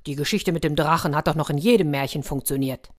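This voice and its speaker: A woman playing a pompous storybook king who booms out his proclamations. He speaks in a raised, loud voice that is full of self-importance. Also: quick pace. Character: blustering old king eager for a dragon. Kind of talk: children's story reading.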